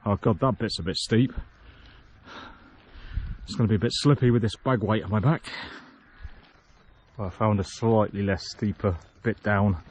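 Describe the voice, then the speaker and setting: A man's voice: lowish voice, normal speed, long pauses, a little mellow. A man hiking outdoors and talking casually to his viewers, chatty and amused as he walks. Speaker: hiking vlogger. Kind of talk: casual walking commentary. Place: outdoors in open hill country.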